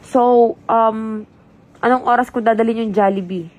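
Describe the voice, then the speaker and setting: A woman's voice: fairly high pitch, moderate pace, poor audio. A woman with a Filipino accent vlogging casually, chatty and talking straight to her viewers, sounding stuffy from the flu. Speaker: vlogger and mother. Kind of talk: casual vlog chat.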